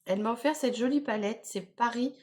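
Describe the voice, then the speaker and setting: A woman in casual vlog chat, enthusiastically presenting gifts to her viewers, repeating words and filling pauses as she goes. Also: fairly high pitch, darkish tone, a little hiss or hum. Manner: chatty, enthusiastic, many fillers and repeated words. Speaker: beauty vlogger. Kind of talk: casual unboxing chat to camera.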